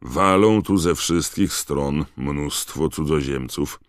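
A man's voice: a bass voice, slow, no room sound, clean studio sound, pitched above the performer's own voice. A man voicing a suspicious, weary middle-aged campsite owner who talks in wary, musing questions.

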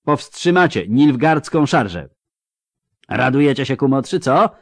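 A man's voice: mid-range voice, sing-song, a little slow, no echo, voice pushed up. A man voicing a crude, sarcastic army commander who mocks and bellows orders at his foot soldiers in an audiobook. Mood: mocking. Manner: mocking, coarse, barking orders. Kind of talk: audiobook character voice.

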